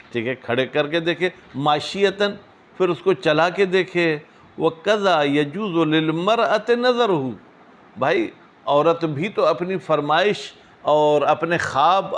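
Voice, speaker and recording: Fields: Sex: man. Role: seminary teacher. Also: a little high. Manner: reads Arabic phrases slowly, then explains in quick, questioning asides to students. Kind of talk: classroom lecture on a legal text.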